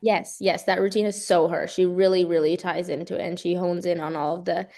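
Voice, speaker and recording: A woman's voice: on the low side, fairly even intonation, a little fast, mellow. A young adult woman, a college gymnast, speaking in an earnest, effusive and emphatic way as the guest in a casual interview.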